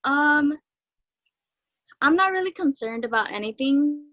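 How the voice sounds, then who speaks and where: A woman's voice: sits high, animated, a little slow, dry recording, muffled recording. A woman joining a webinar on a video call, friendly and easygoing. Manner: friendly, easygoing with soft laughs. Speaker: webinar participant. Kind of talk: casual video call chat.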